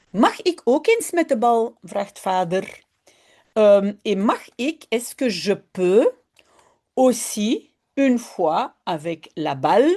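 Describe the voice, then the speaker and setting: A woman teaches a language lesson, reading a story aloud and then translating and explaining each line. Her pitch rises and falls in a very animated way, yet she keeps an unhurried, slow pace. She repeats key phrases patiently for her learners.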